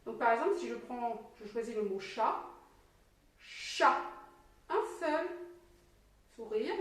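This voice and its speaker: A woman teacher giving a slow, encouraging reading lesson to a young child, sounding out syllables clearly. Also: a little high, darkish tone. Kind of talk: patient early-literacy lesson. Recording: very echoey room, mic at a distance.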